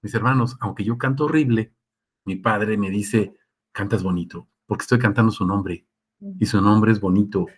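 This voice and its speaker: A man's voice: fairly low pitch, normal speed, breathy edge. Man; casual preacher taking questions, acts out quotes. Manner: conversational, asks listeners often, acts out quotes. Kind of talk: sermon with live Q&A.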